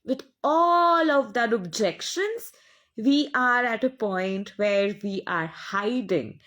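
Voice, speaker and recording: A woman's voice: on the high side, fairly bright tone. A woman with an Indian English accent, giving an earnest spiritual monologue in an impassioned, preachy way with lots of repeated phrasing. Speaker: spiritual channel speaker.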